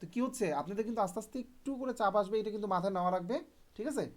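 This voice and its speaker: A man's voice: high-pitched, very fast. A man teaching Quran reading in an online group lesson, patient and encouraging, often checking whether students follow.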